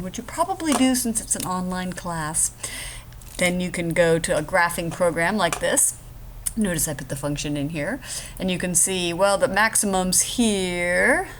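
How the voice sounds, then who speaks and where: A woman's voice: fairly low pitch, slight background noise. A woman math instructor giving a casual, chatty screen-recorded lecture, explaining step by step with joking asides.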